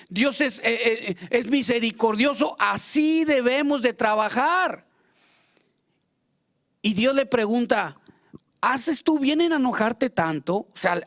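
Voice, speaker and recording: A man's voice: very high-pitched, a bit bright. A man preaching a fervent sermon as pastor, acting out quoted prayers and complaints.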